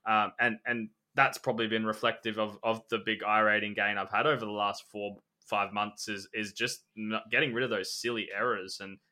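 A man's voice: on the low side, level tone, moderate pace, hardly any pauses, sharp tone. A man in casual podcast chat as a sim racer.

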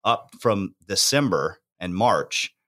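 Young male fitness host, low voice, relaxed slangy banter. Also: slow pace. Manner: laid-back, laughing, slangy. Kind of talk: casual chat.

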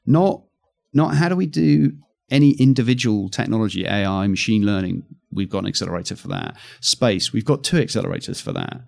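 A man's voice: lowish voice, a little fast, gravelly, few pauses, darkish tone. A man, an accelerator executive, talking through his ideas in a casual interview with frequent restarts and fillers. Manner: thoughtful, with many restarts and fillers.

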